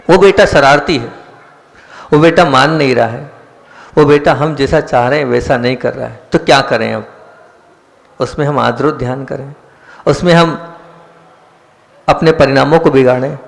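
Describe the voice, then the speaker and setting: A man's voice: medium pitch, creaky. A man, a Jain monk, giving an earnest sermon, repeating key lines and asking his listeners rhetorical questions. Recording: long hall reverb.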